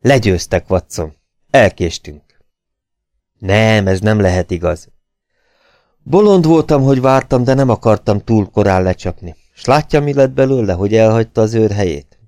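A man reading the part of a shrewd, commanding male detective in an audiobook, urgent and often hushed. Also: fairly low pitch, expressive, no room sound, clean studio sound, lightly acted. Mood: bitter. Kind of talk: audiobook character voice.

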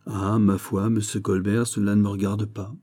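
A man's voice: lowish voice, little pitch movement, moderate pace, mellow, natural voice. A man voicing a haughty, scheming duchess in an audiobook, in a teasing bargaining tone. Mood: mocking. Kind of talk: audiobook character reading.

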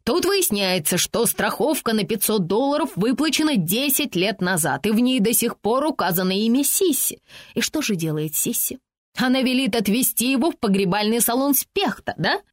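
A woman narrating an audiobook in an even, measured reading voice. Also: fairly high pitch, no room sound, clean studio sound. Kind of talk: scripted narration.

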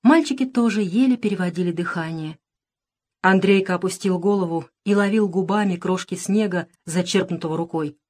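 A woman narrates a children's adventure audiobook at a fairly quick pace, voicing the dialogue. She reads dramatically, raising her pitch and volume whenever characters shout.

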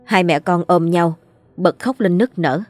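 A woman's voice: lowish voice, a little slow, darkish tone, dry recording, soft background music. A woman narrating a ghost story in a scripted storytelling style.

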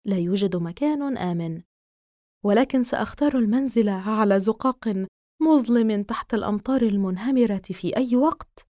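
A woman narrating a horror novel in the first person as an audiobook, in a steady, measured reading. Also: mid-range voice, no room sound, studio quality.

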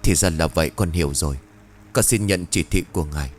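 A man voicing a stern, gruff old village sorcerer in a ghost story. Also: low voice, brisk, faint music behind, pitched below the performer's own voice. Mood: solemn. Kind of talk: audio ghost story reading.

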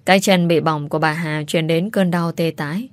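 Woman narrating a story, low and dry. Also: steady tone, normal speed, no room sound.

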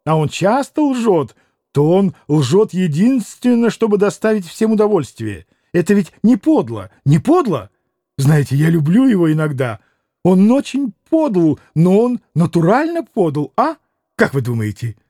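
A merry young gentleman with a bright boyish lilt, bubbling over and swinging his voice up high, as a man acts him out. Eager, pressing, full of swings in pitch. Storybook reading, close and dry. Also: no room sound, heavily acted. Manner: eager, bubbling, keeps asking for agreement.

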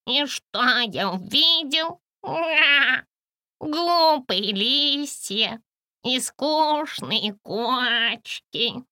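A woman voicing a fussy, boastful little male silver frog, in a slow, squeaky, scolding voice. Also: lively intonation, pushed and bright, dry recording, clean studio sound, exaggerated voice. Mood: disappointed. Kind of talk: audiobook character voice.

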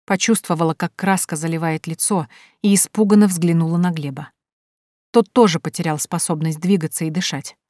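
A woman giving an expressive first-person reading of a romance novel as an audiobook narrator. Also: fairly low pitch, fairly quick, no echo, studio quality.

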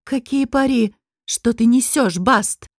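A woman's voice: on the high side, takes it slowly, husky, no room sound, clean studio sound. A woman doing a fiery, proud young sorceress. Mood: indignant. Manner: indignant, sharp retorts. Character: proud, hot-tempered young woman mage. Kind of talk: audiobook character reading.

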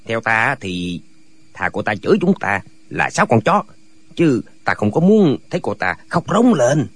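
A man plays a band of silly martial hermits in a radio drama, and they squabble without end, every retort nitpicking the previous jab. The husky, mid-range voice bounces up and down energetically, delivered a little slowly.

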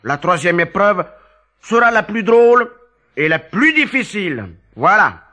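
A man's voice: sits high, very animated, unhurried, sharp tone, pitched above the performer's own voice, exaggerated voice. A man voicing a stern, imperious count who issues challenges in a storybook tale. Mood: scheming. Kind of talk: storybook dialogue.

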